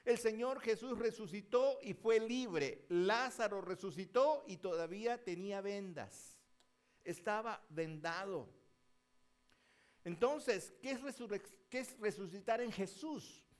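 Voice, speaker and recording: High-voiced preaching pastor, man. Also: takes it slowly. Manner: preaching with big swings between loud declarations and low, quiet asides. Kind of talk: sermon.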